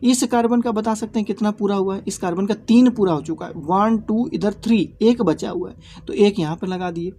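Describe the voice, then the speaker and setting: Mellow-voiced man teaching a lesson. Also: high voice, moderate pace, hardly any pauses, a little hiss or hum. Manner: repetitive, checks understanding with tag questions. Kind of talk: classroom lesson.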